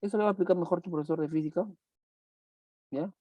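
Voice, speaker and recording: A man's voice: sits high, fast, no echo, phone-quality sound. A man teaching a chemistry class online, repeating key points and asking students questions as he goes.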